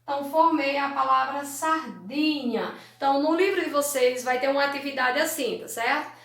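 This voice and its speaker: A woman's voice: high voice, a bit bright. A Brazilian woman teacher giving an online class, sounding out words syllable by syllable and checking in with "né?" and "tá certo?". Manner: slow, drawn-out syllable-by-syllable teaching with frequent "né?" and "tá certo?". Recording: very echoey room.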